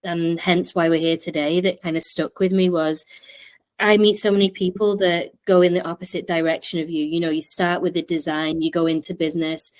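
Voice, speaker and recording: A woman's voice: on the low side, level tone, fairly quick, a little mellow. A woman hosting an interview podcast, chatty and enthusiastic as she introduces her guest. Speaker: podcast host.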